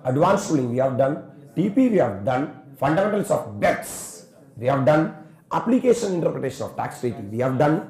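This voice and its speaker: A man with a South Indian Tamil accent lectures a class at a very rapid clip, his pitch swinging in a lively way. He sounds like an exhorting coach, recorded in a roomy, echoing space. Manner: exhortatory, with repeated "sir" and stock addresses to students. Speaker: tax exam coaching teacher. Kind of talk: animated classroom lecture, switching between languages.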